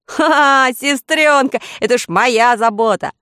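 A woman's voice: sits high, a little slow, pushed and bright, no echo, studio quality, pitched above the performer's own voice. A woman voicing a brave, resolute boy who takes charge in a storybook reading. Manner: raised, eager exclaiming voice. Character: boy Fred, brave, resolute older brother.

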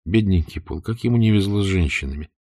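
A man reading a novel aloud as an audiobook narrator, in an even, unhurried literary reading. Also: sits low, no echo, clean studio sound. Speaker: audiobook reader.

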